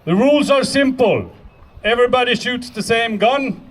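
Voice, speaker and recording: A man's voice: very high voice, moderate pace. A man working as a match official, giving a step-by-step spoken briefing of the rules to a group. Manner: instructional, step-by-step. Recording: distant mic, faint outdoor noise.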